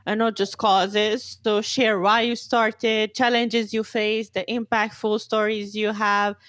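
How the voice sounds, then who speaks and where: A young woman from Serbia talks eagerly as a podcast guest, chatty and quick to laugh. Her voice sits in a middle range and sounds dry and close, with no room around it. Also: mid-range voice, flat delivery, a bit bright, no echo. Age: 20s. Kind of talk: casual interview.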